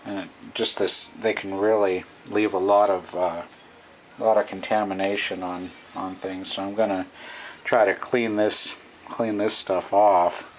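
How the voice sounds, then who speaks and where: Speaking a little slowly in a deep, flat voice, a middle-aged vintage radio restorer gives a casual, unscripted hobbyist walkthrough, pausing uncertainly as he thinks aloud. It was captured on the camera's built-in mic, a noisy amateur camcorder recording.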